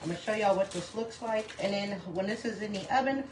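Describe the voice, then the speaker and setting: Fairly quick and mid-range, her voice carries over a noisy background on a phone livestream. The woman hosts a casual cooking stream in her home kitchen, chatting to her "y'all" audience while slightly hot and out of breath.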